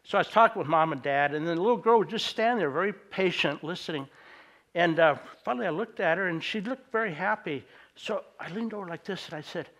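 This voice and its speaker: A middle-aged man preaching a sermon as a pastor, conversational and halting, with many fillers and restarts. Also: high-pitched, a bit bright. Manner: acts out quoted voices in anecdotes.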